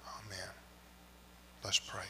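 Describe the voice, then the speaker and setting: A man, a pastor, leading liturgy and prayer in a measured way, his phrases trailing off quietly, with a long cathedral-like echo. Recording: long echoing reverb of a large church.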